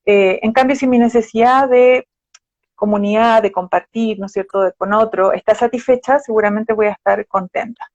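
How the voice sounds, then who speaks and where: A woman's voice: on the high side, fairly even intonation, normal speed, a little mellow, no room sound. Patient woman psychologist explaining. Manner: patient, explanatory, gives examples with quoted phrases. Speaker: psychologist guest. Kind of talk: explaining in a live conversation. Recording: dull, dry live-stream audio.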